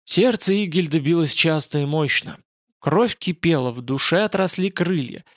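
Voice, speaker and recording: A man narrating a fantasy novel as an audiobook in an even storytelling manner. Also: fairly high pitch, normal speed, dry recording, clean studio sound.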